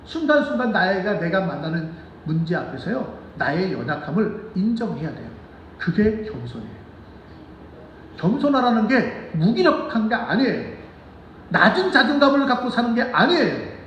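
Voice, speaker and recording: High, lively male pastor in echoey hall. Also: recorded from a distance, lo-fi sound, slight background noise. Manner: animated, asks the congregation rhetorical questions; acts out children's voices in quotes. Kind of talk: sermon. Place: church sanctuary.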